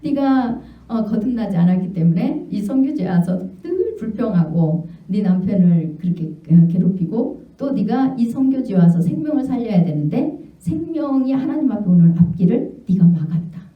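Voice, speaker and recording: A woman's voice: medium pitch, big pitch swings, normal speed, natural voice. Stern loving father-God, firm solemn rebuke, voiced by a woman pastor, echoey church, distant mic. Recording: echoey hall, distant mic, dull sound.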